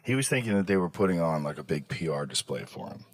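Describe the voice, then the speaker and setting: A man with a deep, low voice hosting a podcast. He keeps things casual, chiming in with quick questions and short nods of agreement. The close studio mic gives a dry sound. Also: big pitch swings, dry recording. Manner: reactive, short questions and affirmations. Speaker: podcast host.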